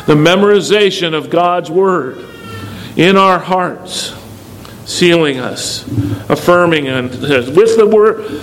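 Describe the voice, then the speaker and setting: A man's voice: fairly high pitch, slow pace, slight background noise, rough recording. A man leading a church congregation as pastor, preaching emphatically and repeating key words for stress. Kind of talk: sermon.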